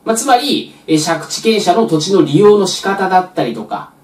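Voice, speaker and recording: A woman's voice: lowish voice, lively intonation, normal speed, darkish tone. A woman tutor giving a patient, step-by-step explanatory lecture for a real estate exam. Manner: patient, step-by-step, frequent filler "まあ". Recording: roomy echo, distant mic.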